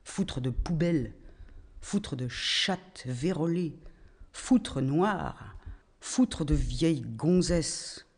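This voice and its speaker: Guy reading his own nasty text out loud, slow n deliberate, mid-pitched, cold. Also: lively intonation, full character voice. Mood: bitter. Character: man reading out a bitter, crude piece he wrote.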